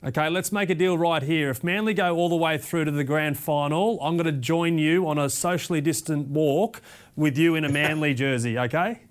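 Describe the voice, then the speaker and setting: Clear-voiced Australian male interview host. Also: a little high, moderate pace. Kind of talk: casual broadcast interview.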